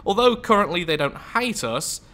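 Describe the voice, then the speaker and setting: Very animated and pitched high, a young gameplay commentator with a flu-stuffed nasal voice speaks at a moderate pace with a sharp tone. He chats casually about a space game in his let's play, thinking aloud and joking at his own expense.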